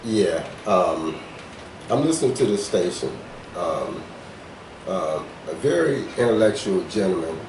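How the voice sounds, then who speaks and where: A man co-hosting a podcast, telling a story calmly and at a measured pace. His pitch is mid-range but moves in a lively way. He sits back from the mic in an echoey room, with a faint ambience behind him. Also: distant mic, background noise. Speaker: podcast co-host. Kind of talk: casual podcast chat.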